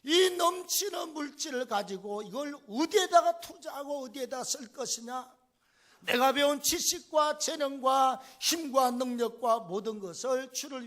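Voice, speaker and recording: A pastor delivering a sermon with fervent, emphatic preaching. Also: male voice, extremely high pitch, a bit bright.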